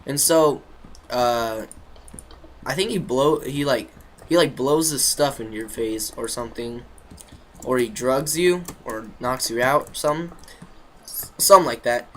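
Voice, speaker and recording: Guy rambling through a game plot, tons of "um" and "like", mid pitch, slangy, a little background hiss. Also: a little slow, long pauses, a bit bright, poor audio. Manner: rambling, full of fillers and restarts; casual and jokey, slangy. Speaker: gaming video creator. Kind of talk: rambling game story recap.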